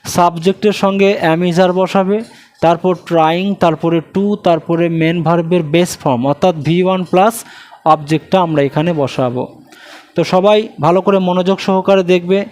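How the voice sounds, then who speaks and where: A man teaching a spoken English lesson, drilling sentences word by word, drawing out the English words slowly and quizzing his students. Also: sits high, fairly even intonation, a little mellow.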